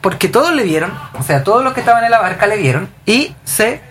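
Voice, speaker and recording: A woman's voice: mid-range voice, very animated, fast talker, a little hiss or hum. A woman leading a group Bible study, explaining scripture and asking the group questions. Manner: asks the group questions, reads verses aloud.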